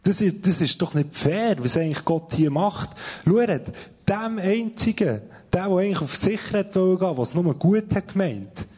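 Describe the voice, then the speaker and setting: Husky Swiss German man preaching. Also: high voice, lively intonation, a little mellow. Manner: earnest, conversational preaching, slows down to read scripture. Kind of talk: sermon with Bible reading.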